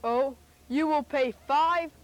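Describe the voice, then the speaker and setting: Woman playing a pompous, high-voiced greedy tax collector. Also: slow pace. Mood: indignant, pompous. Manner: pompous, declamatory. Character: haughty, greedy male Bible-era chief tax collector and father.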